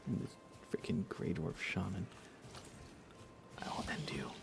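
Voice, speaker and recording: With fairly even intonation, a measured pace, and a low, gravelly voice, a man murmurs ASMR commentary as he livestreams a video game. He repeats phrases often in mock grumbling for fun, over a noisy background.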